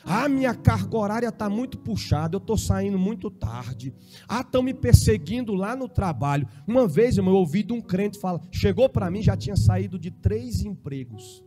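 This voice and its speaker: A middle-aged male preacher with a high, lively voice that leaps from murmured impressions to full-throated shouting. Instrumental music plays clearly beneath his sermon. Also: normal speed. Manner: impassioned, swings from soft mocking impressions to shouting. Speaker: bishop preaching.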